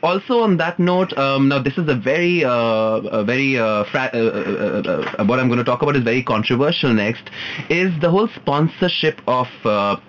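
A man with an Indian accent chats as a talk show guest, theatrical and campy in his delivery. His medium-pitched voice comes through muffled, with noise behind it. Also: lively intonation, moderate pace. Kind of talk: casual conversational opinion and anecdote. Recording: muffled radio audio, clear noise.

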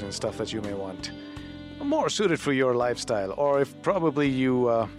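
A man with an Indian accent hosting a radio call-in show, chatting casually with flirtatious, teasing banter. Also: mid-range voice. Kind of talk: casual chat, mixing English and Hindi. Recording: music behind the voice.

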